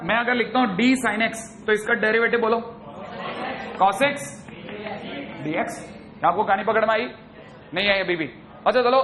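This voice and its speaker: A man teaching math in a classroom lecture, brisk and chatty, teasing his students as he works through problems. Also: very high voice, a bit bright.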